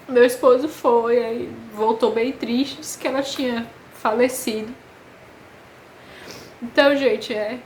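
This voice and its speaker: A woman with a Brazilian Portuguese accent, telling a personal story to camera in an emotional, halting way with many pauses. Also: on the high side, a little hiss or hum. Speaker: vlogger. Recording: echoey room with faint ambience.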